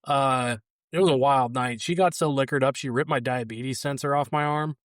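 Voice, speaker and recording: A young man talks through his comedy stories in a loose, rambling way, filling gaps with ums and likes. His voice sits at a middling pitch. The recording is dry and close, with no room sound. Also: moderate pace, no room sound. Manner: loose, rambling delivery with frequent fillers. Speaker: guest comedian. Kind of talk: casual anecdotal storytelling.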